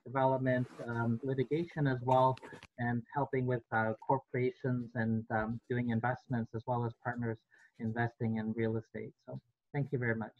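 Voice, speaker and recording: A middle-aged man, a real estate lawyer, explaining rules on a video call panel in a measured way with frequent fillers. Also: medium pitch, little pitch movement. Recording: dry, tinny phone-like line.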